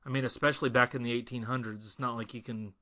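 A man's voice: medium pitch, fairly even intonation, quick pace, sharp tone, no room sound, dull audio. A man chatting casually as a podcast co-host, retelling the story and acting out bits of dialogue. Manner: conversational, retells the plot and acts out quotes. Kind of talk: casual chat.

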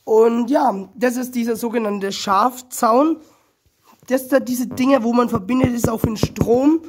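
Holding his phone camera, a young man who keeps a small-animal farm gives a casual outdoor tour of his farmyard, hoarse and stuffy from a cold. His very high-pitched voice is a little mellow and slightly slow, with fairly even intonation and no echo, as he rambles, backtracks and addresses viewers directly.

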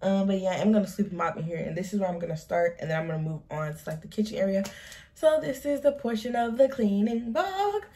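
Speaking quickly in a mellow, mid-range voice, a 19-year-old woman from Michigan, USA chats with her viewers, whom she calls y'all. She's out of breath as she vlogs casually indoors at home.

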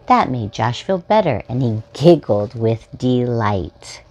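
Rumbling low and slow, a woman in her forties hosts storytime, reading a children's tale expressively to young listeners. She's indoors, in a small furnished room at home.

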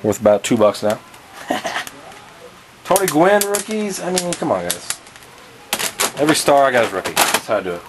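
A man's voice: mid-range voice, big pitch swings, normal speed, pauses often, background noise. A young man in his twenties casually showing off his collection in a cluttered basement, rattling off items with fillers, recorded on a handheld camera. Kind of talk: casual show-and-tell.

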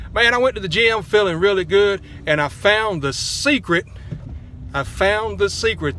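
A man's voice: a little high, fairly bright tone, slight background noise. A man, vlogging from a parked car in a rambling, joking, self-deprecating way on a phone held close. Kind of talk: casual car vlog.

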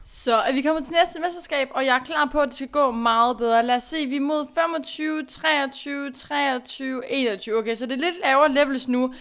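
A woman's voice: high-pitched, few pauses, a bit bright. A young woman giving casual commentary while she plays a horse racing game, talking to herself, scolding and cheering herself on. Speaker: gaming youtuber.

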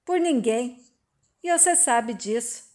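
A woman voicing a remorseful middle-aged rancher, with countrified, soft, pleading speech. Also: fairly high pitch, lively intonation, slow.

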